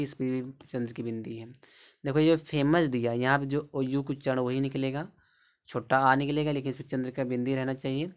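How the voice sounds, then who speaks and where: A male teacher with a mid-range voice gives a classroom-style lesson on spelling and pronunciation. He is repetitive, drilling each word several times and posing rhetorical questions. The lo-fi recording sounds slightly dull, with faint background noise.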